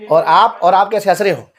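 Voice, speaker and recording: A man filming a casual family vlog indoors at home, talking playfully and teasing as he chats to the viewers. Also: high voice. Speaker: father and vlogger. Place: indoors at home, in front of a heater.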